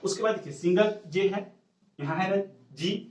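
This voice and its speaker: A man's voice: high voice, moderate pace, darkish tone. A man teaching English pronunciation to students, drilling each rule by asking questions and answering them himself. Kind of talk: classroom lesson, explaining rules to students. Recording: echoey room, voice from a distance.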